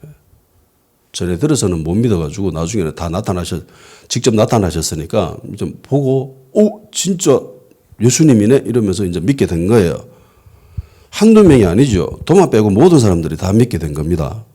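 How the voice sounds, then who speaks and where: A pastor preaches in a lively, conversational way, throwing rhetorical questions at the congregation. His low voice rises and falls a lot. It has a husky, mellow tone. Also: brisk. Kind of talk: conversational sermon. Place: church worship service.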